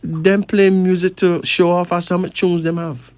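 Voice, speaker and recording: A man's voice: high voice, flat delivery, moderate pace, a little mellow, no room sound. Man, emphatic card reader. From Barbados. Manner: emphatic, rising questions, dialect grammar. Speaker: host reading cards. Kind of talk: casual chat and card reading.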